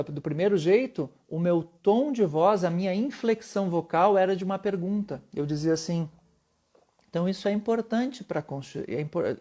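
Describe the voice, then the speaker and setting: A man's voice: high voice, warm tone. A man teaching public speaking in a live-streamed lesson, emphatic, often putting questions to his viewers.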